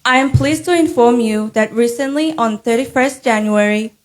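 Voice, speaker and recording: Young woman doing a formal pageant speech, kinda high voice, earnest and measured. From Nauru. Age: young adult. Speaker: pageant contestant.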